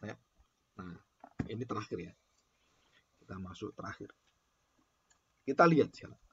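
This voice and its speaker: A man's voice: lowish voice, animated, normal speed, highs cut off, noisy background. A man lecturing theology students in an emphatic, sermon-like way, repeating his key phrases for weight.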